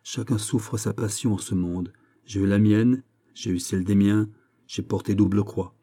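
A man's voice: on the low side, fairly even intonation, normal speed, mellow. A man reading aloud, voicing a stern middle-aged king with a commanding, raised voice.

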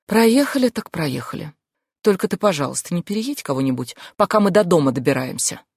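A woman's voice: fairly low pitch, lively intonation, a little fast, darkish tone, slightly rough, dry recording. A woman voicing a teasing, ironic young female friend in an audiobook, with a dry, close sound. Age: young adult. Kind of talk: audiobook character voice.

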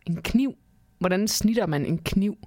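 A woman co-host chats casually, curious and friendly, asking questions at a mid pitch. The sound is dry and close. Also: expressive, mellow, no room sound. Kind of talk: casual chat.

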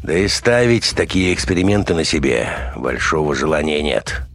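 A man's voice: very deep voice, normal speed, faint music behind, heavily acted. A man voicing a weary survivor who speaks in a tired, resigned way. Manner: tired, flat.

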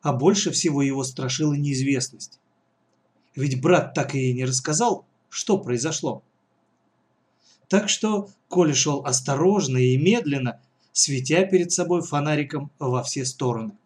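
A man's voice: fairly high pitch, unhurried, a little mellow. A man narrating a children's story.

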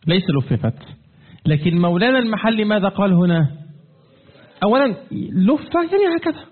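A man teaching a classroom lesson, quizzing his students with constant questions and demonstrating with repeated emphatic words. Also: sits high. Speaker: teacher of Quran commentary. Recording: tinny phone-like classroom recording.

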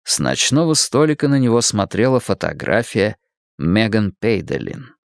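A man narrating an audiobook in a measured, unhurried way. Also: lowish voice, very animated, gravelly, dry recording, clean studio sound.

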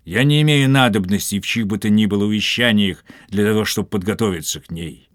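A man's voice: fairly low pitch, a little fast, no room sound, studio quality, lightly acted. A man voicing a stubborn, wounded captain who curses and refuses last rites, weak and in pain. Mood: curt. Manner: gruff, scornful, swearing. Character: stubborn dying male captain, defiant, cursing.

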